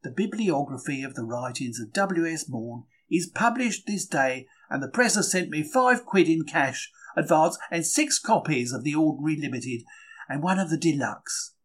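A man brings to life a young working-class bookseller of the 1930s reading from his diary in dramatic first person, sounding pleased and proud. His voice is fairly high, rough-edged and fairly bright, with lively intonation. The character is chatty, plucky and wry yet quick to take things to heart, with emphatic, colloquial phrasing.

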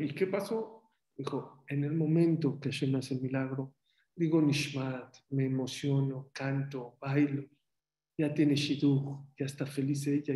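A man teaching as a rabbi, telling stories in an animated sermon whose voice climbs sharply at dramatic moments. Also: medium pitch, echoey room. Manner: animated storyteller, voice rising sharply at dramatic points. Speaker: rabbi teaching a Torah class. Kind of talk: storytelling sermon.

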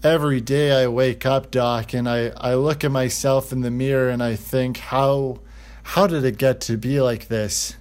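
Man voicing a moth, male, weary, self-pitying, halting, rambling. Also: mid-range voice, steady tone, darkish tone, natural voice. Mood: weary lament.

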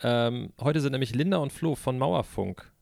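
A man's voice: mid-range voice, normal speed, vocal fry, a little mellow, dry recording, studio quality. A man hosting a podcast, chatting and teasing his guests over a video call. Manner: joking, teasing. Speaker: podcast host. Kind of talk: casual chat.

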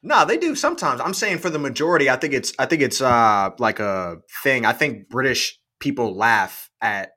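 A man's voice: mid-range voice, big pitch swings, moderate pace, few pauses, sharp tone. A young man co-hosting a casual chat show, easygoing and agreeable, laughing easily as he talks. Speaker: podcast co-host.

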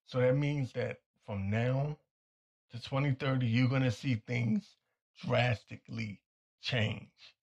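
A podcast host, a man with a hoarse, nearly gone voice, delivers a blunt, insistent talk-show commentary monologue that keeps repeating its points. His pitch is medium, his tone steady, and his pace slow.

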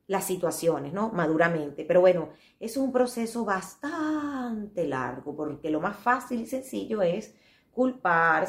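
A woman talking in a casual, reflective monologue, repeating her phrases and addressing her listeners directly. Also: medium pitch. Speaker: podcast host. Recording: roomy echo.

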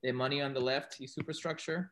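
A man's voice: medium pitch, steady tone, moderate pace, fairly bright tone, a little hiss or hum. A man hosting a podcast in a casual discussion style. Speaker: podcast host.

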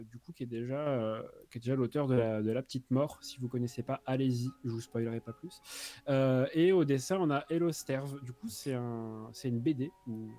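A man's voice: mid-range voice, warm tone. A man from France chatting casually on a live stream, reviewing a comic book with lots of fillers and restarts. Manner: rambling, many fillers and restarts. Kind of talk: casual joking chat.

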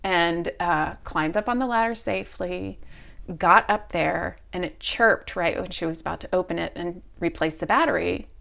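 Gravelly woman telling a story. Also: lowish voice, normal speed. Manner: animated, acts out both sides of a quarrel. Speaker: podcast host. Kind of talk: casual storytelling.

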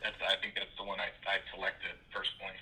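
Guy calling in over speakerphone, kinda low voice, super bright tone, joking around. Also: completely flat delivery, quick pace, low-quality recording. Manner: joking, playfully defensive. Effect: heard over a phone on speakerphone. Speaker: caller on a podcast. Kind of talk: casual chat.

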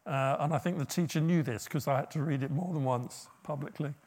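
A man's voice: a little high, fairly quick, darkish tone, breathy edge. A middle-aged man preaching a sermon, humorous and often asking his listeners questions.

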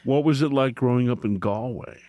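A man's voice: mid-range voice, a little fast, warm tone, no room sound. A middle-aged or older man hosting a podcast, chatting casually with anecdotes, jokes and salty language. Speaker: podcast host. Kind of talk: casual interview chat.

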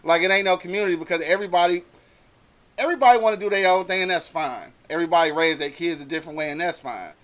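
A man's voice: fairly high pitch, fast talker, a bit bright. Laughing, profane man co-hosting. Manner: loose, profane, laughs often. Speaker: co-host. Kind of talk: casual radio show chat.

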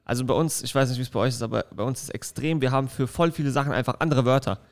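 A young man co-hosting a podcast, trading quick slangy, teasing banter. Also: mid-range voice. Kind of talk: casual chat.

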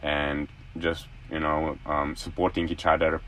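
A young man in his twenties, a former college athlete, talks in a very low, deep voice. He rambles on enthusiastically in a casual interview chat. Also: flat delivery, unhurried, fairly bright tone, slight background noise.

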